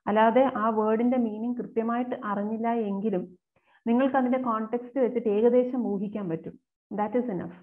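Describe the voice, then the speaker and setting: A woman's voice: on the high side, fairly even intonation. Woman teacher on a tinny phone-like line. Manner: reads questions slowly, then explains quickly. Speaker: exam coaching teacher. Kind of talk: explaining exam questions, mixing Malayalam and English. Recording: phone-like narrow sound.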